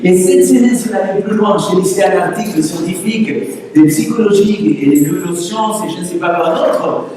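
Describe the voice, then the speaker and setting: Spanish-accented pastor in an echoey hall. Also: male voice, high voice, normal speed, darkish tone, a little hiss or hum. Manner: conversational preaching with rhetorical questions. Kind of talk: sermon. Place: church hall. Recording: echoey church hall, distant mic.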